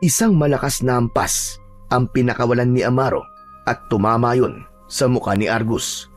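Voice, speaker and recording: A man narrating a scripted horror story in a steady storytelling manner. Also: medium pitch, moderate pace, soft background music.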